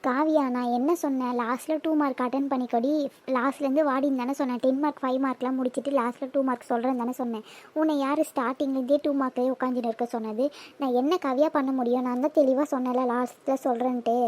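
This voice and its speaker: A woman's voice: high voice, fairly even intonation, fast, darkish tone. A woman voicing an anxious schoolgirl in a cartoon who pleads and defends herself. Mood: pleading. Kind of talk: cartoon voice acting.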